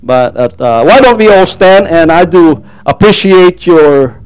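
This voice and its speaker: Preaching and giving his testimony, a middle-aged Filipino pastor whose first language is Tagalog speaks earnestly, with many amens and praise Gods. He's from the Philippines, and his slightly high voice is smooth and slow, with lively intonation. There's no echo, but the recording is low quality.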